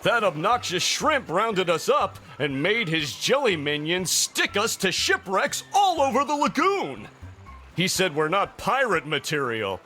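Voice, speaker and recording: A man voicing a vain, hearty, muscular lobster who likes to complain, in an animated game cutscene. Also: high-pitched, a little slow, faint music behind, full character voice. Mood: aggrieved.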